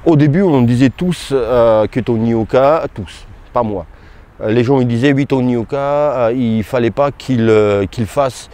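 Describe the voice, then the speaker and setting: A man giving casual, halting boxing commentary straight to his viewers, as if chatting with a friend. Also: medium pitch, warm tone. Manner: hesitant, halting, talks to viewers as "tu". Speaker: boxing YouTuber.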